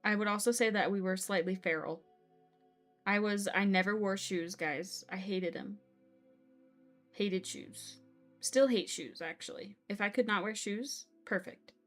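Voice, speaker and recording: A woman's voice: mid-range voice, a little slow, faint music behind. A young woman live-streaming a building game, chatting casually with her viewers in a bubbly, exclamatory way. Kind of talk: casual live-stream chat while playing.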